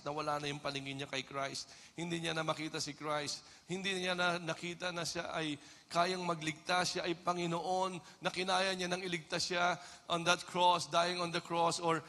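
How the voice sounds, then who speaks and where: A Filipino man preaches in a church hall with a high, very bright voice. He drops low and quiet, then climbs to loud, pleading shouts. A long reverb trails every line. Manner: switches between hushed and shouted passages. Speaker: pastor. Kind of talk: sermon.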